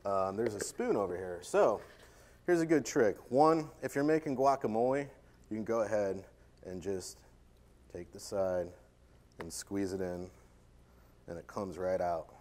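Joking chef doing a live cooking demo. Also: male voice, on the low side, unhurried, long pauses, a little mellow. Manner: joking, chatty, self-deprecating, playful with the audience. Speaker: chef giving a cooking demonstration. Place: conference stage before an audience.

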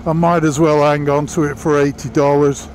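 High-voiced man speaking inside a helmet. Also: flat delivery, moderate pace, darkish tone, a little hiss or hum. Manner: frank, plainspoken verdicts. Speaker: product reviewer. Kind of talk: casual product review. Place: outdoors by a motorcycle.

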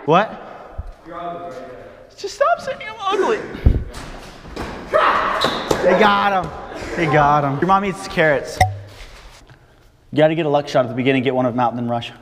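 A young man filming a casual group vlog on an action camera, excitable and laughing, shouting during play in a large warehouse garage. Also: a little high, normal speed, long pauses, very noisy. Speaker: vlogger. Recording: hall reverb, loud clatter.

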